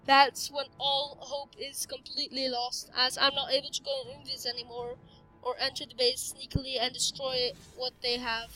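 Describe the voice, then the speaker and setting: A woman's voice: sits high, level tone, normal speed, sharp tone, faint music behind, rough recording. A woman casually narrating her own match, giving chatty play-by-play of the game. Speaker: gameplay commentator.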